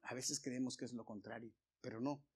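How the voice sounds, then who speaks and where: A man preaching a sermon to his congregation, moving from loud, emphatic appeals to quiet, hushed storytelling. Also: mid-range voice, steady tone, a little fast, creaky, slightly rough. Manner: addresses listeners as brothers.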